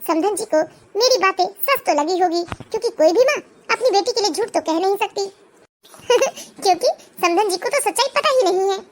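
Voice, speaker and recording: A sly middle-aged mother schemes in a high, sugary cartoon voice, as a woman plays her. Her talk is falsely kind and coaxing, with an edge of cunning underneath. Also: lively intonation, normal speed, slight background noise. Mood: gloating. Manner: falsely sweet, honeyed. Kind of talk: cartoon voice acting.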